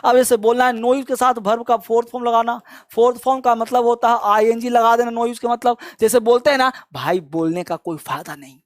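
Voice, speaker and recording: A man teaching spoken English, repeating phrases slowly and coaxing his students along. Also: very high voice, no room sound, studio quality. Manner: drills phrases by slow repetition, coaxing and emphatic. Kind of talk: classroom-style language lesson.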